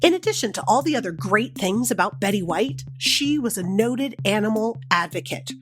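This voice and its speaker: A woman's voice: medium pitch, animated, moderate pace, music in the background. A woman co-hosting a podcast, giving informal, explanatory commentary on a film. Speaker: podcast co-host; high school teacher.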